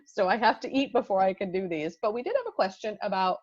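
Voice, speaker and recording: A woman's voice: mid-range voice, expressive, fast talker, muffled recording. A woman co-hosting a cooking class, relaying viewer questions in casual, friendly chat. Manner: friendly, laughs easily. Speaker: co-host reading viewer questions.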